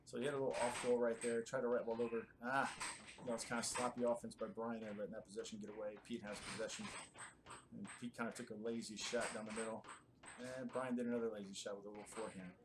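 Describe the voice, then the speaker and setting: A man's voice: lowish voice, little pitch movement, quick pace, noisy background. A man, giving casual, chatty live play-by-play commentary with many fillers.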